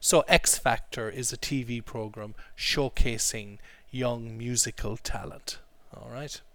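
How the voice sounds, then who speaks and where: A man's voice: medium pitch, fairly even intonation, a little slow, a bit bright. A man teaching an English class, explaining vocabulary and drilling pronunciation with repeated phrases. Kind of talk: classroom language lesson.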